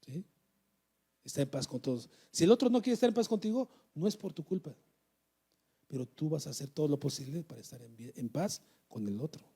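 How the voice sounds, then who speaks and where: A man's voice: a little high, expressive, a little fast, creaky, dark tone, breathy edge. A man preaching a sermon to a church, exhorting and asking the congregation questions. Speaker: pastor.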